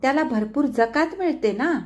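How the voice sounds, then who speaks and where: A woman's voice: high-pitched, lively intonation, normal speed, pitched above the performer's own voice. A woman voicing a young schoolteacher who talks playfully and affectionately with a small boy in a read-aloud novel. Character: warm young woman teacher, gently teasing.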